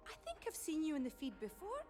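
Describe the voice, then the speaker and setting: Game casting: high, lively Scottish tea shop clerk, chatty and fan-struck. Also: female voice, fast, faint music behind. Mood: cheerful.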